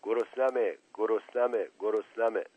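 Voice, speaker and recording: A man's voice: lowish voice, steady tone, husky. A man voicing a ravenous villager turning into a beast, who bellows his hunger over and over. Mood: bellowing hungry. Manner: bellowing the same cry. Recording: tinny phone-like dry recording.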